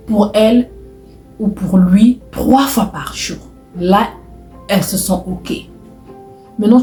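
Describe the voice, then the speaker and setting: This is a woman from Brazzaville giving casual advice straight to her viewers. She has a mellow, dark voice and often repeats herself for emphasis. The room is echoey, with faint music under her. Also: on the low side. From Republic of the Congo (Brazzaville). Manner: chatty, addresses viewers directly, repeats phrases for emphasis. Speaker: vlogger. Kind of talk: casual advice talk to camera.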